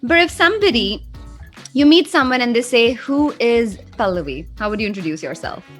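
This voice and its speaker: A woman's voice: a little high, lively intonation, brisk, faint music behind. A woman hosting a podcast, introducing her guest and chatting in a playful, teasing way. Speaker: podcast host. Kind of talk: casual podcast conversation.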